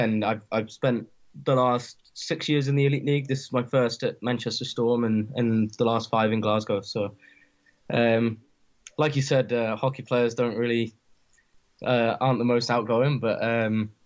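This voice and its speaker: A man's voice: mid-range voice, level tone, normal speed, dull audio. A man from Surrey in England with a Home Counties accent, speaking modestly and a little hesitantly as a hockey player being interviewed. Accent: Home Counties English. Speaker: interview guest, professional ice hockey player. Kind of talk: casual interview.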